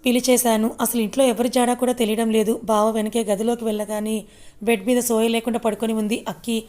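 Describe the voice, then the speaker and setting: A woman narrating a serialized audio story in the first person, reading every character's lines herself in a measured way. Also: a little high, little pitch movement, dark tone.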